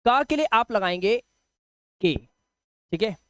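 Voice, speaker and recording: Guy teaching english basics, throat a bit rough, keeps asking back and repeating stuff, dry sound. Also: high voice, animated, unhurried, a bit bright, dry recording. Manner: repeats key words as questions to the viewer. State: slightly sore throat. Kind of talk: classroom explanation.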